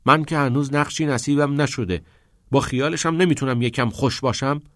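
A man's voice: mid-range voice, fairly even intonation, a bit bright, no room sound, studio quality, pitched above the performer's own voice, close to an everyday voice. A man voicing a shy, defensive teenage schoolboy who grows reluctant and then flares up, in an audiobook reading. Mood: angry.

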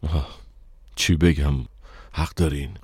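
A man reading the part of a reserved, brooding German musician in an audiobook, speaking low and terse. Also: level tone, darkish tone, slightly rough, no room sound. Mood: curt, subdued.

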